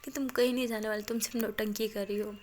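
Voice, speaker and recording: Woman narrating as a jokey college girl, teasing, dismissive, slightly high voice. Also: steady tone, fast, darkish tone, slight background noise, natural voice. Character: cheerful young college woman, Maya, teasing and evasive. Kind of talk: storytelling with acted dialogue.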